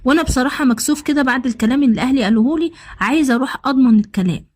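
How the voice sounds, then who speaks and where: A woman's voice: sits high, a little mellow. A woman narrating as an Egyptian man of thirty telling his story. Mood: eager. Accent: Egyptian Arabic. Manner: rapid, conversational retelling with quoted dialogue. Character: man around thirty, newly married, smitten and confessional. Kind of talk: first-person storytelling.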